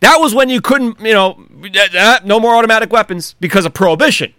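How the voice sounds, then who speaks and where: A man's voice: high-pitched, brisk, sharp tone, clean tone, dry recording, studio quality. An American man delivering a heated, profane monologue rant, angry and sarcastic. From United States. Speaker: commentator.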